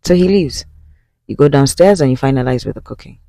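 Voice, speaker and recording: A woman's voice: rumbling low, animated, a little fast, creaky, mellow, no room sound, studio quality. A woman hosting a podcast, casually retelling a dramatic story in second person, as if talking straight to the listener. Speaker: podcast host.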